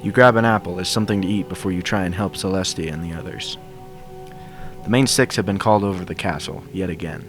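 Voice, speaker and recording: A man narrates a scripted fan fiction story in a low voice at a quick pace, with game soundtrack music playing behind him.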